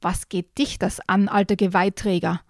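Grumpy male badger, rude and snappish, slow, mellow tone, read by a woman. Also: medium pitch, no echo, studio quality, natural voice. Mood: snapping.

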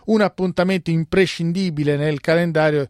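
Guy hosting radio from the studio, slightly high voice, dry close mic, measured reading. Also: steady tone, clean tone, no echo. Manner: measured, scripted delivery. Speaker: radio host. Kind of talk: radio news presenting.

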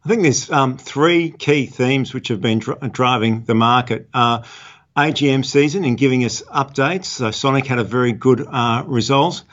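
Halting, measured man on dull interview audio. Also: mid-range voice. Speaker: fund manager, interviewee. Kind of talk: explanatory interview commentary.

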